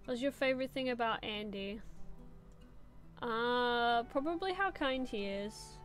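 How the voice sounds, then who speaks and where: A young adult woman draws on a live stream while chatting casually and answering chat, rambling with lots of "like" and "um" fillers. Her voice sits on the high side at a measured pace, a bit bright, with faint music behind her.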